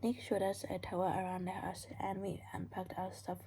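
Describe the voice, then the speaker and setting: Softly whispering woman reading her story. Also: medium pitch, monotone, moderate pace, poor audio. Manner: hushed, breathy whisper, stumbling and restarting. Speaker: amateur story writer reading her own story.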